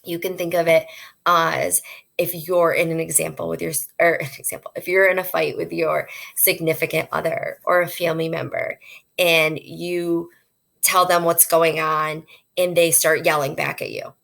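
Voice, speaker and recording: Low, gravelly-voiced woman educator. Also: little pitch movement, moderate pace, a bit bright. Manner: earnest and conversational, explains with everyday examples. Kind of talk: informal instructional talk to parents.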